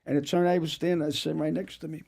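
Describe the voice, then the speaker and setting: A middle-aged man with a Brooklyn accent chatting casually in a joking, animated way, often repeating his words. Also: a little high, rapid-fire, vocal fry. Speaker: guest, actor and magician. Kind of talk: casual chat.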